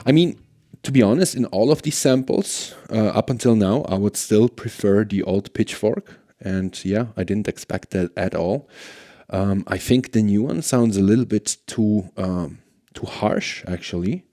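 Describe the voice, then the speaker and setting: A guitar gear reviewer with a fairly low, mellow voice hosts a product demo, talking a little slowly in a casual, musing way. He often checks himself with a tentative "right?". The sound is clean studio quality with no echo.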